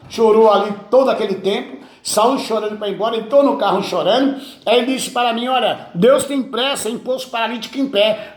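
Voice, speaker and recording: High-voiced pastor in an echoey room. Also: male voice. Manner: storytelling, acts out dialogue. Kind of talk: testimony preaching.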